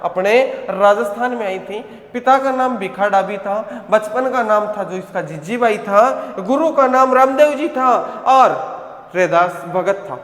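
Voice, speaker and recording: A man's voice: high voice, a little slow, fairly bright tone. A male teacher giving an online coaching lecture, drilling his students with repeated questions and answers and calling them "beta". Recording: echoey hall sound.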